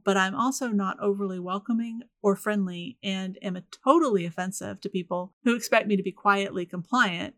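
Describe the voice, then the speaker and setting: Southern woman, soft voice, dry and direct podcast host, close dry mic. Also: mid-range voice, dry recording. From rural northern Florida, US. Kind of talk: scripted solo podcast monologue.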